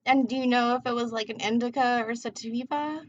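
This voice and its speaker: A woman reads tarot on a livestream, chatting casually and smoking as she talks in relaxed slang. Her fairly high voice is fairly quick, with mostly even intonation, and the muffled, lo-fi stream audio comes across as dull.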